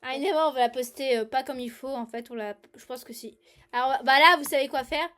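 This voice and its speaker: Woman from France, high voice, playful, animated, casual let's-play chat. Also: fast talker. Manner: playful, animated, reads game text aloud. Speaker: gaming streamer.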